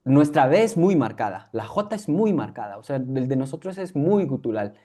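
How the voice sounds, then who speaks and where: A young Guatemalan man, a native K'iche' speaker, talks in Spanish with a K'iche' accent as a guest in a conversational interview. His mid-range voice is dark and sing-song at a normal speed. He sounds reflective, with frequent fillers and restarts.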